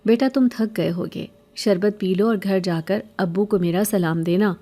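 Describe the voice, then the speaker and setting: A woman voicing a grown man in a horror story, smooth and falsely hospitable. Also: medium pitch, warm tone, natural voice. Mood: fake friendly. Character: adult man, fake-friendly kidnapper.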